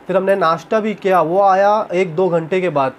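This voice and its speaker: A man's voice: high voice, fairly even intonation, normal speed, a little hiss or hum. A young man, chatting casually in a home vlog and retelling a story with animation. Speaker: vlogger. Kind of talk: casual chat. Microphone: camera on tripod.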